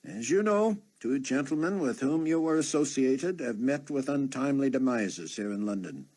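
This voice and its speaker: A man voicing a formal, measured police captain in an audiobook. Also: medium pitch, animated, darkish tone, voice pushed up, natural voice. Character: formal, stiff middle-aged police captain.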